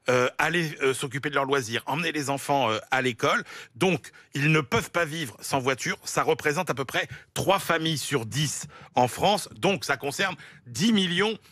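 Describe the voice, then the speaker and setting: A male radio columnist explains numbers in a chatty, hesitant way, often pausing to find his next point. His voice is bright and forward. It is recorded dry and close in a studio. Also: fairly high pitch, no echo. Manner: walks through statistics with frequent hesitations. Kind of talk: explanatory news segment.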